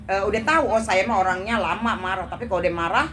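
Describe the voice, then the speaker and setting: A woman's voice: medium pitch, fast talker, a bit bright, faint music behind. A woman leading a women's study group, giving an informal talk to a live audience. She jokes with them and keeps asking them questions. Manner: playful, quizzes the listeners and jokes.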